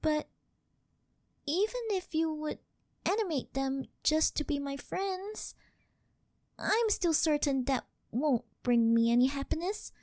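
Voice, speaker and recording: A woman voices a possessive, worshipful living doll maid in an intimate, scripted ASMR roleplay, addressing the listener in an adoring, formal, fawning and melodramatic monologue. Her high, slightly mellow voice has lively intonation, taking things slowly with frequent pauses. The studio sound is clean, with no room sound.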